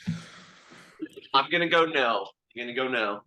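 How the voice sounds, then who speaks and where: A man's voice: medium pitch, expressive, moderate pace, bright, forceful tone, low-quality recording. A young man chatting casually on a podcast with his brothers, rambling with hesitant restarts. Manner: rambling, hesitant, laughs along. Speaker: podcast co-host. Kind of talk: casual chat among brothers.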